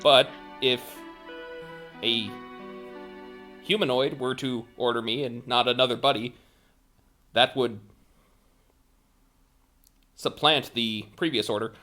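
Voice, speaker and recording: A man voicing a polite, obedient robot helper in a tabletop game, speaking in a flat, emotionless, formal way. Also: medium pitch, slow pace, long pauses, faint music behind. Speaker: game master.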